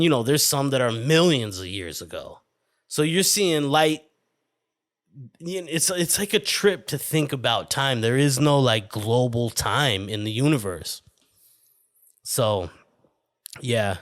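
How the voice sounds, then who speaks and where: A man's voice: mid-range voice, no room sound. A man hosting his own podcast, rambling and swearing through a casual solo rant full of fillers and restarts. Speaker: podcast host. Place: indoor room with a window.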